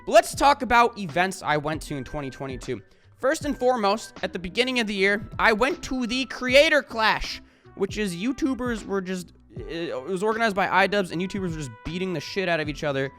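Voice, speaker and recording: A man's voice: high voice, lively intonation, brisk, a bit bright, soft background music. A man talking to camera in a casual vlog, rambling with lots of fillers and casual swearing. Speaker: YouTuber.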